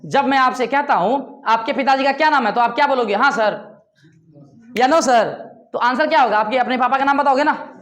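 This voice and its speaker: Indian male English tutor, high-pitched, patient classroom lecture style, checks understanding often. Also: a bit bright. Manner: slow, spelled-out English, quick Hindi explanations, keeps checking understanding. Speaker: English teacher.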